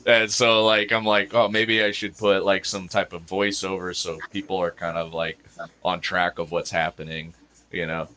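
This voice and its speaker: A man with a somewhat low voice and a bright, forceful tone. He talks in a casual podcast chat, hesitant and full of fillers and restarts. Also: little pitch movement, moderate pace. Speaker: podcast host and event videographer.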